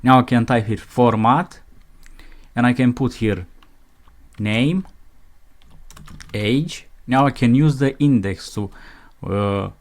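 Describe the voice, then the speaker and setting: A man teaching programming in a screencast, reading out code step by step as he types it, with keyboard clicks behind him. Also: medium pitch. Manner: dictates code as he types, slow and methodical. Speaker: programming instructor. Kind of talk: screencast coding tutorial.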